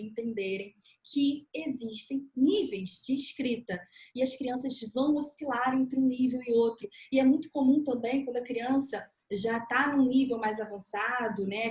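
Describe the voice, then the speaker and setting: A woman with a Brazilian Portuguese accent, an educator explaining step by step on a panel discussion, animated and acting out parents' reactions. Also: a little high. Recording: echoey room sound.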